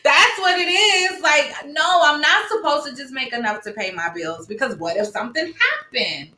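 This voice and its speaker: Woman guest with a bright, forceful voice, reflective and easy to laugh, echoey room. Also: sits high, moderate pace. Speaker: podcast guest. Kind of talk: casual chat. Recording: roomy echo with faint noise.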